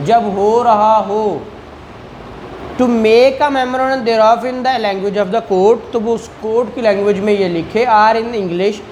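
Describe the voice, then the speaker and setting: Speaking slowly in a high-pitched, darkish voice, a law teacher with a Pakistani accent reads statute and explains it step by step, regularly checking that listeners follow. The audio is poor, with clear background noise in the room.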